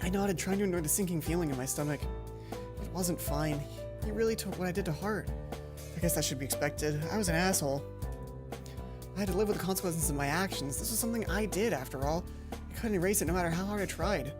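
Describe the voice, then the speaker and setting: A woman hosts a let's play, reading a visual novel aloud in a fast, lowish voice and adding casual remarks. She's expressive, sometimes stumbles over words, and swears, all over background game music.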